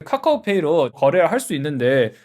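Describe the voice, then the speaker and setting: Man, South Korean, slightly high voice, lively swooping intonation, simple step-by-step explainer, rhetorical questions. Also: a little fast. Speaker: explainer video host. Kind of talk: casual explainer in simple terms.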